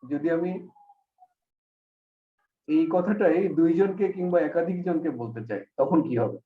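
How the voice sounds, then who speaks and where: A man's voice: a little high, animated, a little slow. A man teaching an online Arabic grammar class, explaining patiently step by step. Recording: echoey, distant, phone-like call audio.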